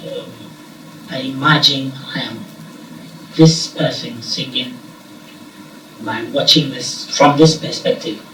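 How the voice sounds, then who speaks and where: A man, a musician guest, chatting casually in an interview. He talks in an animated way, laughs often and breaks into shouts when excited. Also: medium pitch, takes it slowly, pauses often. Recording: roomy, from a distance, noisy background.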